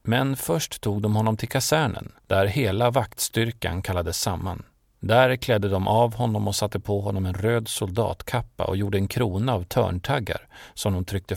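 A man narrating a Bible story in a measured, solemn scripted reading. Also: lowish voice, gravelly, no room sound, clean studio sound.

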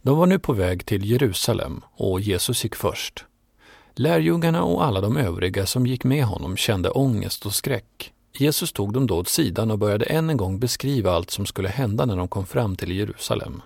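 A man reading a Bible story aloud in scripted narration, steady and even. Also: on the low side, gravelly, slightly rough, no echo, clean studio sound. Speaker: reader.

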